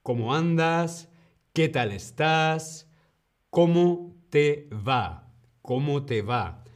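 A man's voice: a little high, lively intonation, extremely slow. A man from Spain with a Spanish accent, teaching a live-streamed language lesson. He greets viewers eagerly, then explains patiently and repeats his examples.

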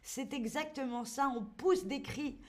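A young woman teaching vocabulary on a live stream, speaking slowly and clearly in a playful manner, reading out viewers' names and acting out shouts and boos. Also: high-pitched. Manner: slow, clearly articulated, playful, reads chat names aloud; acts out shouts and boos for emphasis. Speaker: French teacher streaming to learners.

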